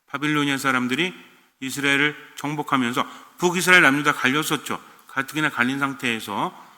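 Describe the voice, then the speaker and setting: A male priest preaching a homily in a bright, forceful voice. He talks with his listeners more than at them, firing off questions and slipping into blunt everyday speech. The sound carries a long echo, as if in a large church. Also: on the high side. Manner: conversational, asks the congregation questions; switches to blunt casual speech for emphasis.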